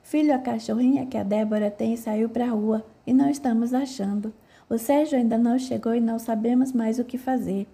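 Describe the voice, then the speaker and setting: A woman's voice: fairly high pitch, steady tone, brisk, creaky, warm tone. A woman reading the lines of a caring older mother in an audiobook, speaking in a motherly and soothing way. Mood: motherly, concerned.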